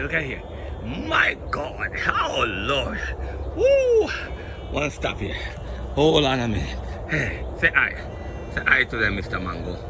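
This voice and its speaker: A man from Jamaica with a Jamaican accent, giving an excited walking-tour vlog outdoors among fruit trees. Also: medium pitch, noisy background. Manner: exclamatory, excited, keeps repeating "look at this". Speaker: vlogger.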